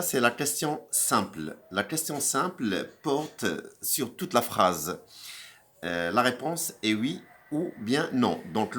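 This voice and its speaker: A man's voice: mid-range voice, fairly bright tone, a little hiss or hum. A male teacher giving a recorded video grammar lesson, hesitant with many fillers and restarts, lifting his voice on the example questions. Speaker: French teacher.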